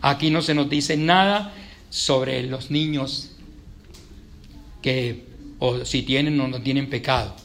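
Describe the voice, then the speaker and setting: A man's voice: medium pitch, takes it slowly, long pauses, a bit bright. A man preaching a sermon in a church, emphatic and conversational with touches of humor.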